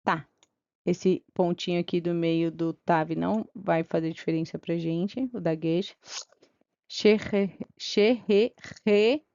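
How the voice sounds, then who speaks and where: A woman's voice: fairly low pitch, fairly even intonation, slow, vocal fry, warm tone, no echo, dull audio. A woman teaching Hebrew reading, sounding out syllables one by one and checking in with her students. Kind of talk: slow reading lesson, syllable by syllable.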